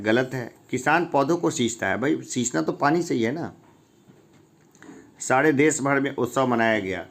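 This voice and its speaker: A man takes learners through a grammar lesson in an easygoing way. He reads each wrong form aloud, asks his listeners what the right one should be, and answers himself. His voice sits at an ordinary middle pitch. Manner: reads each wrong form and then the correct one, asking rhetorical questions. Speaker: Hindi grammar teacher. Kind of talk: informal spoken lesson.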